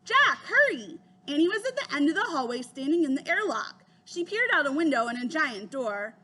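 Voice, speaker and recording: A woman reading a children's chapter book aloud, giving the children's lines a higher voice. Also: very animated, brisk, fairly bright tone. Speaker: reader.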